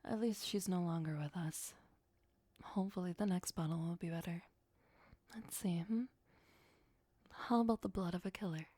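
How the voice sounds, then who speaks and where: Again the obsessive, darkly playful vampire girlfriend, an ageless character voiced by a woman, murmurs in a soft, breathy, often whispered voice, dragging her words out very slowly. Beneath the sweet coaxing, her mid-range voice sounds disdainful and menacing. The close microphone is dry, with no echo.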